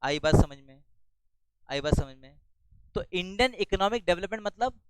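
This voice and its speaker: Loud high-voiced male teacher. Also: expressive, normal speed, clean tone, no echo, rough recording. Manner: loud teaching voice, asks questions and answers them himself. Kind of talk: classroom lecture. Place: classroom.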